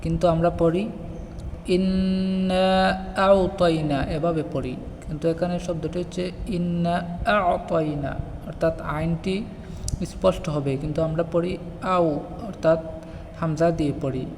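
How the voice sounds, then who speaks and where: A man teaching Quran recitation, explaining pronunciation and slowly chanting the verses in a drawn-out melodic style. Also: fairly high pitch, fairly even intonation, a little mellow, a little hiss or hum. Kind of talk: explaining recitation mistakes in Bengali. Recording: long reverb and faint music.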